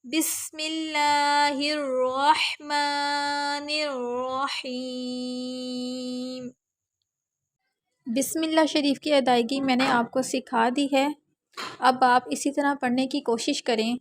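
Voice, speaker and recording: A woman teaching Quran recitation online, explaining pronunciation step by step and spelling out letters and vowels slowly. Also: high-pitched, fairly even intonation. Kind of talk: recitation lesson with slow demonstrations.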